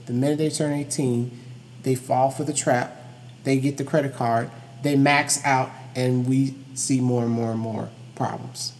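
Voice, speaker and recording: This podcast host, a young adult man, teaches informally and solo, returning again and again to his key ideas with emphasis. He speaks at medium pitch in a slightly dark tone. There's some hiss or hum, plus a lingering hollow echo from the room.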